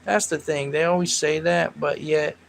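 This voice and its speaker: A man with a somewhat raised pitch talks casually on a livestream. He rambles between jokes and stories and turns sharp and dismissive when he answers trolls in the chat. It is unscripted, easygoing talk. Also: little pitch movement, moderate pace, vocal fry, slight background noise, low-quality recording. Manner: rambling, jokey, snapping back at chat trolls.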